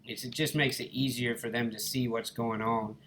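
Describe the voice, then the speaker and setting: A man's voice: medium pitch, flat delivery, moderate pace, fairly bright tone, a little hiss or hum. A man with a Southern Alabama accent giving easygoing, folksy, casual commentary over his gameplay. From Alabama, United States. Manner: easygoing, folksy, addresses viewers as guys and y'all. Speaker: gaming channel host.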